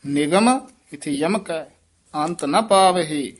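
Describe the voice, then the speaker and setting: Slow, deliberate male recitation teacher. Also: on the high side. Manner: slow, deliberate, demonstrates words then explains. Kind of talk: correcting pronunciation of recitation.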